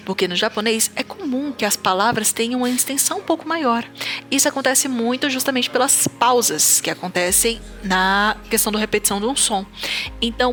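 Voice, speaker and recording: A woman giving an online language lesson, explaining step by step and saying example sounds slowly and repeatedly. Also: on the high side, a bit bright. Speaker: teacher. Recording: faint background music.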